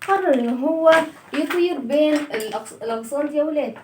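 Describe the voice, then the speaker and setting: A high-voiced woman with an Egyptian Arabic accent teaches young children their letters in a sing-song voice. She asks the kids questions and answers them herself. She sounds a little far from the mic, in a room with a clear echo. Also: quick pace, background noise. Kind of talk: lively lesson for young children.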